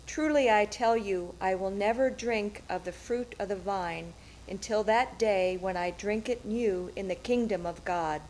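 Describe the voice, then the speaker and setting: A woman's voice: mid-range voice, measured pace, darkish tone, a little hiss or hum, rough recording. A woman reading gospel verses formally at a church service. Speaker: scripture reader at a Good Friday service.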